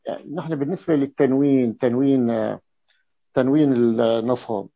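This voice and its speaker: A man's voice: mid-range voice, fairly even intonation, fairly quick, no room sound. A man teaching a classical grammar lesson, repeating key terms and asking his students checking questions. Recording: dull lo-fi dry recording.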